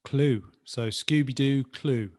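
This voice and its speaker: A man's voice: mid-range voice, slow, a little mellow. A man from the Birmingham area co-hosting a casual podcast, answering in a hesitant, thoughtful way. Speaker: podcast co-host. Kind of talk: casual chat.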